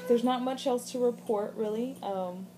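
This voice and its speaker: A woman's voice: fairly high pitch, normal speed, over loud music. A woman giving a casual, rambling post-surgery update in a conversational way, peppered with filler likes. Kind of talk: casual chat to camera.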